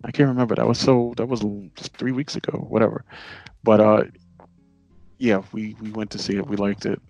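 A man co-hosting a movie review podcast, speaking in a laid-back, halting way. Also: fairly low pitch, little pitch movement, a little mellow, soft background music. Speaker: podcast co-host. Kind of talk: casual movie review chat.

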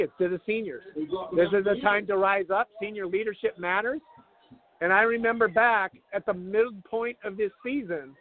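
A male sports host gives live halftime commentary in a high-pitched voice. He sets out figures and throws to colleagues. The sound is narrow and thin, like a cheap broadcast feed. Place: outdoors at a football field.

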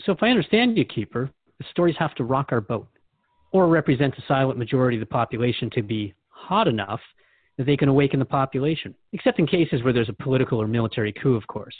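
A radio show host speaks at medium pitch, animated and fast, with no room sound. He's engaged and reflective, asking questions and paraphrasing what he hears. The recording is dry, with a thin, phone-like band.

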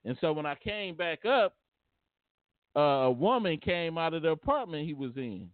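A man's voice: on the high side, big pitch swings, normal speed, no echo. A man telling a personal story casually and earnestly, often repeating and restarting his phrases. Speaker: vlogger. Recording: tinny phone-like dry sound.

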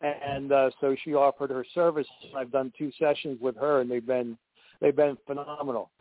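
Male guest, heard over a choppy, tinny conference call line, halting delivery, mid-range voice. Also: medium pitch, fairly even intonation, no echo. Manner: halting, repeats and restarts words. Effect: conference call line that keeps breaking up. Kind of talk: candid personal talk.

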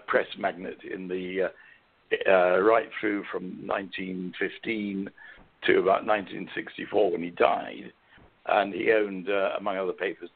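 An older British man with a hoarse, croaky frog voice, telling his story haltingly as an interview guest. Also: low-pitched. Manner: halting, hesitant delivery with frequent pauses. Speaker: interview guest, author and journalist. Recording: muffled, narrow phone-line sound.

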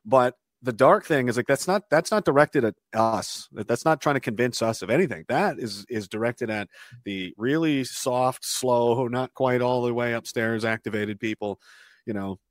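Man, podcast guest, mid-pitched voice, rambling, restarts sentences, dry close mic. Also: moderate pace, no echo. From Canada. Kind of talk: casual podcast conversation.

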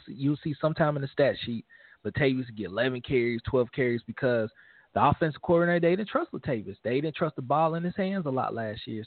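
A man co-hosting a casual sports talk show, animated and joking, leaning on "man" at the end of his lines. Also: a little high, no room sound. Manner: animated trash talk, laughing, repeats "man". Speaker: podcast co-host. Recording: dry, phone-like lo-fi audio.

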